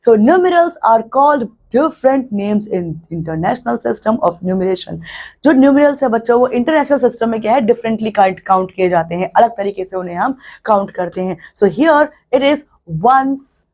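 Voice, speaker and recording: A young woman teaching a math lesson to children, reading numbers aloud slowly and repeating them, and often turning to the kids. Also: fairly high pitch, expressive, a little mellow. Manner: mixes Hindi and English, addresses children often.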